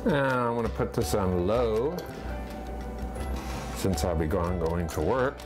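This relaxed cooking show host has a lowish voice and takes his time, chatting through each step of a casual demonstration in his home kitchen. He thinks aloud, dropping in fillers as he goes. Background music plays, and a stationary camera captures him from a distance.

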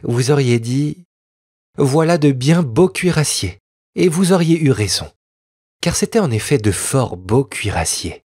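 A man narrating an old children's tale in an expressive, lilting reading voice with a husky tone. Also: mid-range voice, unhurried, no room sound, clean studio sound. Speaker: audiobook reader. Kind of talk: scripted storybook narration.

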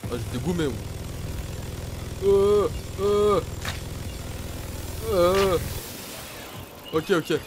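A young man from France giving excitable, swearing commentary while playing a game, shouting in panic at times. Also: high-pitched, very slow, pauses often, noisy background. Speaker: gaming YouTuber. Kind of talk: let's play commentary.

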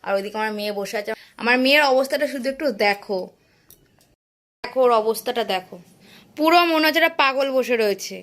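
Give me a chatty woman vlogger, a bit hoarse, speaking in a high voice. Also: racing, a bit bright. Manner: chatty, addresses viewers directly. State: voice getting hoarse. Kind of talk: casual home vlog.

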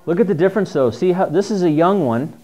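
Talking fast in a high, animated voice that's a little mellow, a middle-aged New England man leads a foraging class on mushrooms, chatty and full of enthusiasm. It's a casual talk with slides in a dim classroom with a projector screen, recorded by a far camera that cuts off the highs.

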